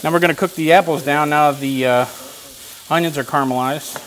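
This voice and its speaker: A man's voice: on the high side, steady tone, fairly quick, fairly bright tone, a little hiss or hum. A man hosting a casual cooking show from a home kitchen, explaining each step with joking asides. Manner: chatty, joking asides while explaining steps.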